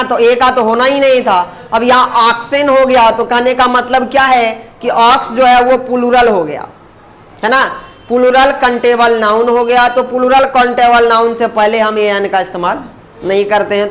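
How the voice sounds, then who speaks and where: A man teaching a grammar lesson, who explains slowly, sounds words out syllable by syllable, and keeps asking his students questions that he answers himself. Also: very high voice, fairly bright tone.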